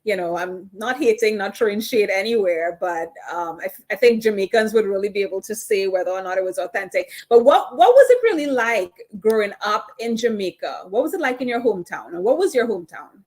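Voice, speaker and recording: A woman hosting a casual interview, warm in her praise and chatty as she asks her questions. She speaks at a middle pitch for a woman. Her tone is conversational and relaxed. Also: a little fast, few pauses, poor audio. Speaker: host.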